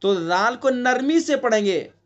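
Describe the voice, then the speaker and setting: A male recitation teacher giving an online lesson, explaining patiently and breaking into long drawn-out chanted recitation. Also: very high-pitched, expressive, lo-fi sound. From India.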